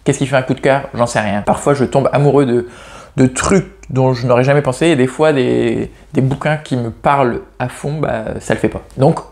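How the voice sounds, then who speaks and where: A man's voice: medium pitch, steady tone, normal speed, vocal fry, darkish tone. A man reviewing novels in a casual, chatty way, often restarting his sentences and poking fun at himself. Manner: hesitant, frequent restarts and self-corrections; chatty and self-mocking. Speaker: book reviewer. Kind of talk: casual chat about novels.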